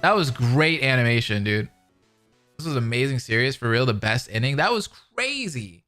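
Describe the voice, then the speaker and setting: A very animated man with a mid-range voice and sharp tone, speaking at a moderate pace, streams himself reading a fan-dubbed visual novel. His live commentary is relaxed, slangy, and eager, and music plays behind him.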